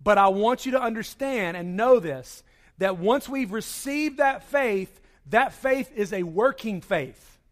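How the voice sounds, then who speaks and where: A man with a high-pitched voice preaching a sermon. He talks conversationally and acts out the inner voices of his listeners. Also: animated, unhurried. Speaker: pastor.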